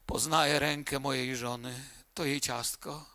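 A male preacher voicing a gaunt, forgiving male prisoner, speaking softly and calmly in a lower voice. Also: measured pace. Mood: quiet, calm.

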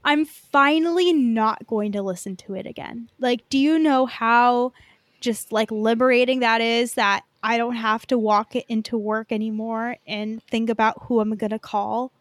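This podcast co-host has a fairly high, steady voice at normal speed, recorded with no echo. She chats about movies informally, swearing and scattering plenty of "like" fillers.

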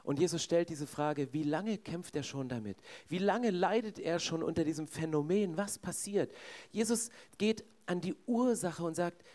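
A man's voice: on the high side, animated, normal speed, darkish tone. A man preaching a sermon in a conversational way, speaking directly to his congregation.

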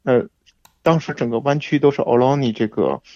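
Male radio guest, measured explainer, dull dry recording, plain mid voice. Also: medium pitch, mellow, dry recording. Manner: explanatory, measured, with frequent fillers. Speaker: guest hiking expert. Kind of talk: casual radio interview.

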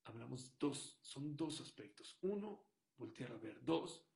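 A man giving a sermon, telling a story and swinging from hushed to loud as he makes his point. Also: mid-range voice, animated, takes it slowly, vocal fry. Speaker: rabbi.

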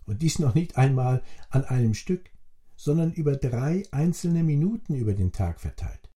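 A man reading a scripted guided relaxation as a podcast narrator, in a measured, instructional way with formal address. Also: mid-range voice, lively intonation, dark tone.

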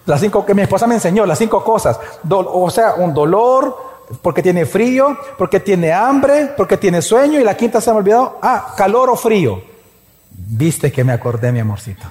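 A man with a high, mellow voice preaches from the front of a church, pausing on rhetorical questions and drawing out his key words. His voice rings with a long reverb off the hall walls. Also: expressive. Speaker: pastor. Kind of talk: sermon.

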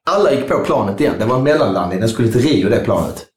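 A man's voice: mid-range voice, expressive, a little mellow, roomy sound, slight background noise. A man telling a long story in casual interview chat, rambling and swearing freely. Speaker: guest.

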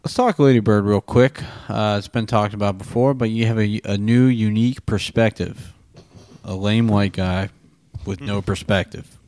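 Low-voiced young man, joking podcast banter. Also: fairly even intonation, normal speed, a little mellow, no echo. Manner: joking, self-deprecating, laid-back. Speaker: podcast co-host. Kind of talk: casual film review chat.

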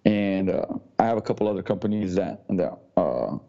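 A man from Slovenia, a gym owner speaking as a podcast guest in a halting way, often repeating words before going on. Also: low voice, expressive, vocal fry, dark tone, soft background music. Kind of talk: casual interview talk. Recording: dull lo-fi audio.

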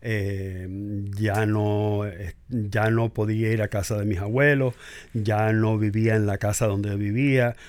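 A man in his sixties from Cuba, a physician guest recalling his past in a hesitant way, with many drawn-out pauses. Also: lowish voice, flat delivery, darkish tone, no echo. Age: 60s. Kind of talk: reflective interview talk.

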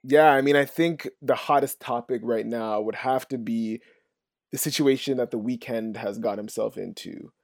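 A man chatting on a casual podcast, relaxed and joking, with many "you know" fillers. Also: mid-range voice, moderate pace, no room sound, studio quality.

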